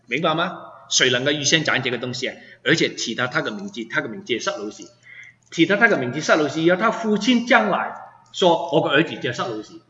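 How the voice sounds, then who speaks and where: A pastor preaches a sermon in a slightly high, sharp voice, speaking emphatically and firing rhetorical questions at his listeners. The recording has an echoey hall sound and is dull.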